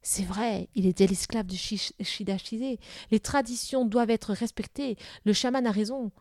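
A woman narrating a children's novel aloud in a steady, even storytelling manner. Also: on the high side, moderate pace, no room sound, studio quality.

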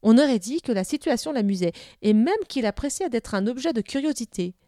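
A woman narrating a children's novel aloud in a clear, even storytelling manner. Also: on the high side, a little fast, no echo, studio quality.

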